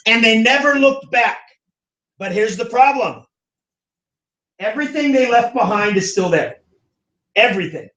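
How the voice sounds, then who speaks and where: High-voiced male teacher, distant echoey room. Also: unhurried, pauses often. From United States. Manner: animated, acts out quoted voices. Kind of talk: classroom lecture. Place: classroom. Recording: echoey classroom from far off.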